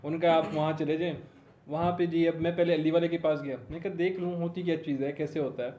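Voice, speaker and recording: Brief: young male panelist, animated storyteller, slightly high voice, roomy sound with faint hiss. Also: fairly quick. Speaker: podcast panelist. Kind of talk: casual storytelling chat. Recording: echoey room with faint noise.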